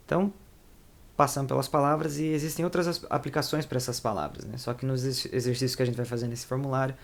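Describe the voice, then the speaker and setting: In a rambling, informal English lesson, a young man from Brazil keeps correcting himself as he explains things casually. He speaks with a Brazilian Portuguese accent in a creaky, mid-range voice.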